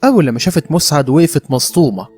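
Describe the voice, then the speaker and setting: A man with an Egyptian accent narrating a first-person drama story in a steady, conversational way. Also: fairly high pitch, racing, slightly rough, faint music behind. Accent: Egyptian Arabic.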